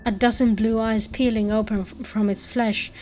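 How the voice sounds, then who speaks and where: A woman storyteller giving a dramatic second-person narration with expressive emphasis. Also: fairly high pitch, normal speed, slight background noise.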